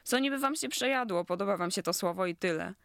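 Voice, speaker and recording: A reader voicing an irritable young woman who snaps and shouts accusations at her friends in a story. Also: mid-range voice, brisk, smooth, no echo, clean studio sound, natural voice. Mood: furious. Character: irritable, indignant young woman, quick to fury.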